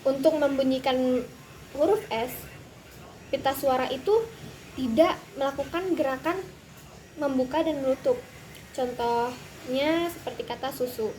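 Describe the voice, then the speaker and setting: A woman's voice: high-pitched, unhurried, long pauses, darkish tone, a little hiss or hum, poor audio. A young woman from Indonesia giving a recorded class presentation, explaining carefully with frequent hesitations. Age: young adult. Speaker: student presenter.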